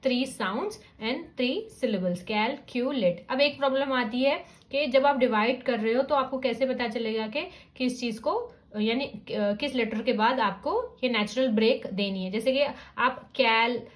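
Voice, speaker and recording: A woman explains how to read words, slowly sounding out syllables and mixing two languages. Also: on the high side. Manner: mixes Hindi and English, sounds out syllables slowly. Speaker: teacher guiding parents. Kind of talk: explanatory lesson.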